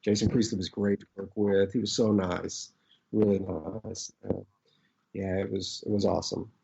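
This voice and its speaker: A middle-aged man with an Arkansas accent, casually reminiscing as an interview guest in a rambling, halting way. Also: low voice, level tone, vocal fry, mellow, breathy edge. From Arkansas, United States. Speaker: actor, podcast guest. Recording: dull, lo-fi audio.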